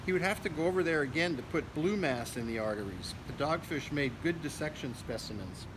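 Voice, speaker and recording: With lively intonation and a slightly high voice, a volunteer reader goes a little fast through a novel in audiobook style. Every so often he stumbles over a word, and vehicle noise from outdoors runs underneath.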